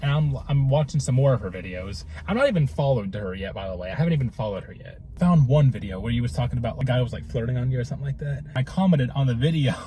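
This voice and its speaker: A man's voice: medium pitch, expressive, quick pace, few pauses, dark tone. A young man from North Carolina casually telling the story of how he met his girlfriend, rambling with many likes and restarts. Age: young adult. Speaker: vlogger telling a couple's story. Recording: noisy background.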